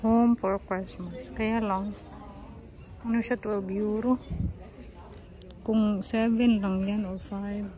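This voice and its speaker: Browsing shops and a street market, a woman from the Philippines chats her way through a casual vlog, addressing her companion as "Day." She speaks slowly with long pauses, in a medium, fairly even voice with a dark tone. The low-quality recording picks up crowd noise all around.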